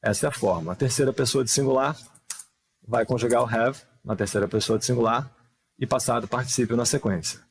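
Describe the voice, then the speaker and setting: In a live online lesson, a man patiently explains English grammar, asking lots of rhetorical questions and reading the English examples slowly and carefully. His pitch is medium, with a creaky quality and a breathy edge.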